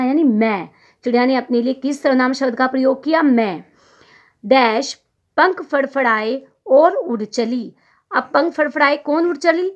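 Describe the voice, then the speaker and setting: A young woman with a high voice teaches a Hindi grammar lesson. She asks the class a question and then answers it herself. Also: a bit bright.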